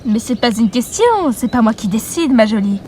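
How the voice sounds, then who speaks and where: A woman's voice: fairly high pitch, dark tone, a little hiss or hum, close to an everyday voice. A girl voicing a gloating female killer. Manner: taunting, slow and gloating. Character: menacing female killer, mocking and cruel.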